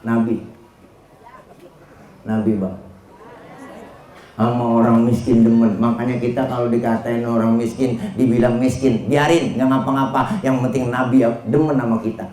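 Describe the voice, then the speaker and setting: A man with a Betawi accent preaches at a home gathering, mixing slangy jokes with stories. He talks straight to his listeners at a middle pitch. The recording is echoey with faint noise behind. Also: steady tone, moderate pace, long pauses, darkish tone. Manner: joking, slangy and storytelling, addressing the audience directly. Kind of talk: humorous Islamic sermon.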